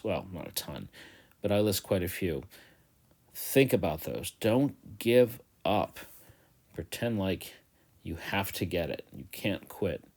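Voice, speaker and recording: Deep-voiced guy teaching a math review over a whiteboard, jokey asides, walks through steps slow. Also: a little mellow. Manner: chatty, joking asides, repeats steps slowly. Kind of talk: recorded math review lesson. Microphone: tablet voice-over of a whiteboard.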